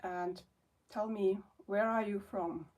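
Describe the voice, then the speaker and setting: Speaking slowly in English, her second language, a Russian-born felting artist in her forties chats to the viewers of her channel. Her mid-range voice is hesitant, with frequent pauses, fillers and restarts. She sits a bit back from the mic, so the relaxed, homemade talk sounds somewhat distant.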